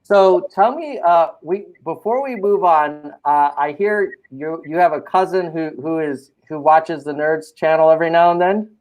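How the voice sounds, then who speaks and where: A man's voice: on the high side, phone-quality sound. Enthusiastic male show host. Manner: enthusiastic, halting with fillers and restarts. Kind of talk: casual interview.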